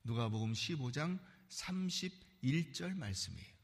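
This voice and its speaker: A man preaching a sermon as pastor, animated and acting out the voices he quotes. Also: medium pitch, moderate pace, creaky, breathy edge, in a large hall. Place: church sanctuary.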